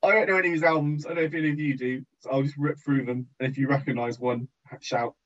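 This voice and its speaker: A man's voice: mid-range voice, steady tone, fast talker, muffled recording. A man co-hosting a podcast in casual chat, joking around and rambling with lots of ums. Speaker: podcast co-host.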